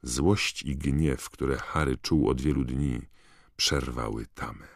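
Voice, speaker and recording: A man reading a novel aloud as an audiobook narrator in a measured storytelling manner. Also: a bass voice, vocal fry, no room sound, clean studio sound. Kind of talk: scripted narration.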